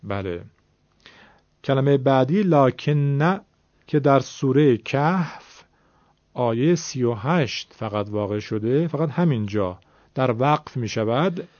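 A man's voice: mid-range voice, animated, darkish tone, no room sound, lo-fi sound. A man teaching Quran recitation in a recorded lesson, explaining rules patiently and drawing out example words to demonstrate them.

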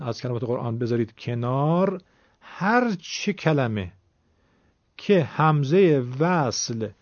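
A man's voice: a little high, a little mellow, no echo. A man teaching Quran reading, explaining a rule step by step in a patient, reassuring way and repeating the key points. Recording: dull, dry lo-fi recording.

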